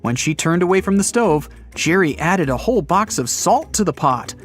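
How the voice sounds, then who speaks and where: A man narrating riddle stories in a scripted, lively storytelling way. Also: high-pitched, normal speed, soft background music.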